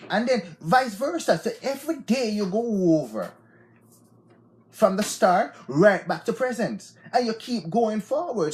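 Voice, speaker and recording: A man's voice: high-pitched, darkish tone. Laid-back Jamaican man in his forties. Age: 40s. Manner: loose and repetitive, peppered with "yeah, man" and laughs. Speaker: live stream host. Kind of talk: unscripted motivational talk.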